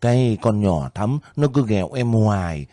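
A man reading the lines of a gentle, earnest young female volunteer in his own low voice. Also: expressive, normal speed, no echo, studio quality, natural voice.

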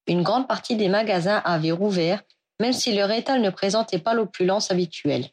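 A woman reading fan fiction aloud as an audiobook in a steady storytelling manner. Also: mid-range voice, moderate pace. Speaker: reader.

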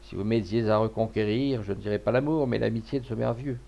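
A man's voice: lowish voice, fairly even intonation, fast talker, gravelly, mellow, highs cut off. A man reading as a desperate young wife. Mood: pleading. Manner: pleading, broken delivery.

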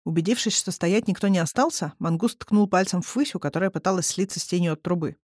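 An audiobook narrator telling a story in a steady, even way. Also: medium pitch, quick pace, husky, no echo, studio quality.

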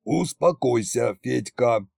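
A man voicing old Koshchei, a gruff, sly deathless king, with a husky, drawling, mocking delivery. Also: mid-range voice, animated, slow pace, a little mellow, no echo, clean studio sound, exaggerated voice. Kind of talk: audiobook character voice.

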